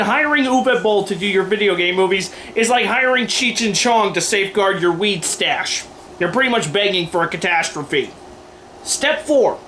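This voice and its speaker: A man with a notably high, fairly bright voice hosts an opinion video, delivering scripted commentary with sarcasm and firm emphasis. It was recorded in a noisy room, with faint room noise behind him.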